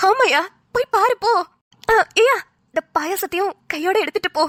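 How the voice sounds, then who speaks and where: A woman's voice: extremely high pitch, animated, normal speed, a bit bright. A woman voicing a worried, coaxing middle-aged mother-in-law in a cartoon, speaking colloquial Tamil Nadu Tamil. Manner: coaxing, motherly, calls son affectionately.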